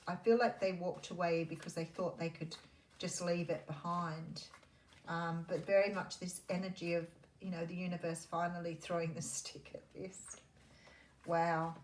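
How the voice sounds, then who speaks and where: Low-pitched woman giving a mystical tarot reading. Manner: intuitive, musing, pausing as cards are turned. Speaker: tarot reader. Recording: roomy echo, faint background noise.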